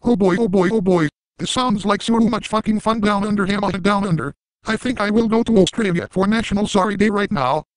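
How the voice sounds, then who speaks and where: A crude, unhinged middle-aged cartoon dad, voiced by a man rambles through a comedic parody monologue. His voice sits high for a man and keeps breaking into repeated silly sound effects. The recording is dry and close. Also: fairly quick, no room sound, lightly acted, rough recording. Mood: manic boasting.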